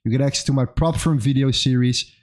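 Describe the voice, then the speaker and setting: An upbeat male streamer in his twenties talks fast in a mid-range voice, hosting a casual livestream with trading chat and market commentary. He keeps saying "amazing" and "bro," and faint music runs beneath him.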